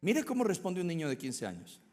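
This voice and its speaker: A man preaching a dramatic sermon that swings from loud, urgent passages to hushed ones. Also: sits high, huge pitch swings, brisk. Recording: echoey hall.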